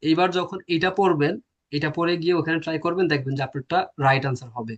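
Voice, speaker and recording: Male teacher, a bit high-pitched, quizzes the class and answers himself. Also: quick pace, lo-fi sound. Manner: explains step by step, asks and answers his own questions. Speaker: language teacher. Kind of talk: classroom lecture.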